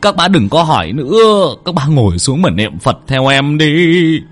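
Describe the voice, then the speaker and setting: A man voicing a panicked middle-aged man who pleads and shouts in alarm as he fends off a demon. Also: a little high, big pitch swings, measured pace, pitched above the performer's own voice. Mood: angry insistence.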